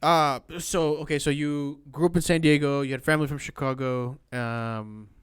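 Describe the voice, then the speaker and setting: Male podcast host, smooth clear voice, dry close sound, relaxed and hesitant, laughs along. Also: on the high side, normal speed, no room sound. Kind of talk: casual chat.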